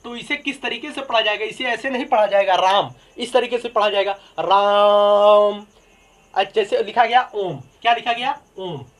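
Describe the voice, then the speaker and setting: Male teacher, fairly high voice, drills points by asking and answering himself. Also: brisk, hardly any pauses, fairly bright tone. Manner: repeats each point as a question and answers it. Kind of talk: Hindi grammar lesson.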